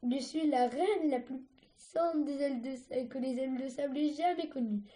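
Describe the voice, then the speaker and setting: A woman's voice: high voice, normal speed, mellow, natural voice. A woman voicing a young dragon girl who plays a pompous queen, in a sing-song manner.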